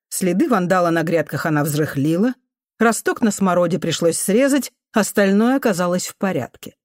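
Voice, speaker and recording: A woman narrates a novel with a lively, expressive voice that moves freely up and down. Her delivery is measured storytelling. The recording is dry and close, with no room sound. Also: medium pitch, no room sound. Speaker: audiobook reader. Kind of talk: scripted narration.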